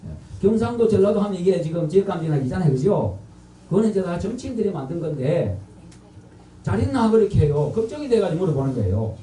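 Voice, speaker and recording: In a large church sanctuary, a middle-aged Gyeongsang-accented pastor from North Gyeongsang, Korea, leads call-and-response in an evangelistic sermon, questioning the congregation and repeating their replies. His high, dark voice is sing-song and quick, with slight background noise, and the recording is echoey and far from the mic.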